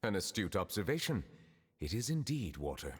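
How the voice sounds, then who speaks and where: A formal chief justice. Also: male voice, on the low side, very animated, in a large hall, slight background noise. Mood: composed. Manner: formal, deliberate, precise. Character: dignified male chief justice, formal and measured. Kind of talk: game cutscene dialogue.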